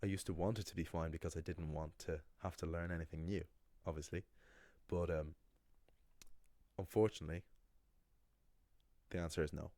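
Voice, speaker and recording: A man's voice: low-pitched, fairly even intonation, normal speed, pauses often, warm tone, no echo. A young man teaching pronunciation in a blunt, opinionated way, with frequent restarts. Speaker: language teacher. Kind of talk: casual explanatory monologue.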